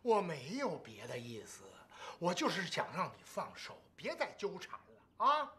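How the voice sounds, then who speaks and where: A woman's voice: on the low side, wildly swooping pitch, moderate pace, a bit bright. An actress playing a meddling middle-aged mother who nags and scolds her daughter in a TV drama. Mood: insistent. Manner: nagging, scolding. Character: meddling middle-aged mother, fond of another son-in-law. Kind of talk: TV drama acting. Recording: TV drama with faint music.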